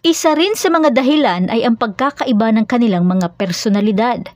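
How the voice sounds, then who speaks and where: A woman reading scripted narration for a fan channel in a steady, explanatory way. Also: a little high, brisk, faint music behind.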